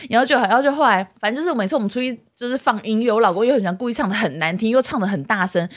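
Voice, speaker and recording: A woman's voice: fairly high pitch, very fast. A woman with a Taiwanese Mandarin accent, co-hosting a casual chat and telling stories about her husband with laughter in her voice. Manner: expressive, laughing storyteller. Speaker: podcast co-host.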